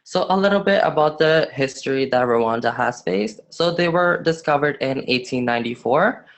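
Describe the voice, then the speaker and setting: A nineteen-year-old man from Afghanistan giving a student webinar presentation, halting with frequent fillers and restarts. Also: a little high, expressive.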